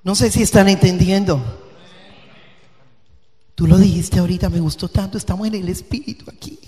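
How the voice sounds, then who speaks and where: A woman's voice: lowish voice, normal speed. Passionate woman preaching in a reverberant hall. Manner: passionate, swinging from hushed to loud and emphatic. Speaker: guest pastor. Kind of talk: sermon. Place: church.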